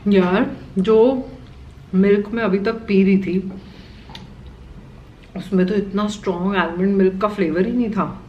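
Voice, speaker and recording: A young woman vlogging in a casual, excitable chat, talking while she eats. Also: medium pitch, rapid-fire, pauses often, slight background noise. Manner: chatty and excitable, talks while eating. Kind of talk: casual vlog chat, mixing Hindi and English. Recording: echoey room, slightly dull lo-fi sound.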